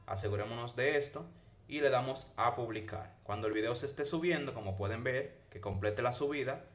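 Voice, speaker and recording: A man's voice: medium pitch, brisk. Man giving a casual step-by-step tutorial. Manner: instructional, addresses viewers directly. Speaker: tutorial host.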